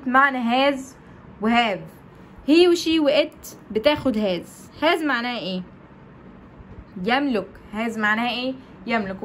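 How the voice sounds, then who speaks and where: A woman's voice: a little high, fairly bright tone, slight background noise. Egyptian teacher quizzing her class. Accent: Egyptian Arabic. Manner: asks students questions then answers them herself; repeats key points for drilling. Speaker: English teacher. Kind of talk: explaining grammar lesson.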